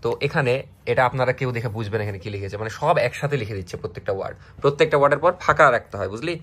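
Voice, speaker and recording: A man's voice: mid-range voice, racing, a bit bright. A young man, vlogging casually and tutoring a younger sibling in a chatty, scolding way. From Bangladesh. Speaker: family vlogger. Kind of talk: casual vlog narration and tutoring.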